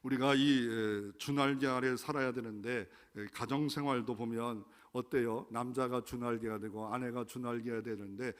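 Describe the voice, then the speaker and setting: A pastor preaching a sermon in a conversational way, asking the congregation questions and building to emphatic calls. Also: male voice, mid-range voice, steady tone, normal speed, few pauses. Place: large church sanctuary. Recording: long hall reverb from church sanctuary.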